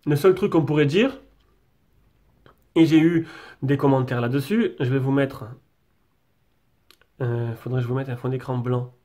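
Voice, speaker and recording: At a desk in front of a branded backdrop indoors, a French-accented tech reviewer with a stuffy head cold chats about a phone, his voice nasal. He has a mellow, medium-pitched voice at normal speed with long pauses, and his casual talk is hesitant and full of fillers and restarts.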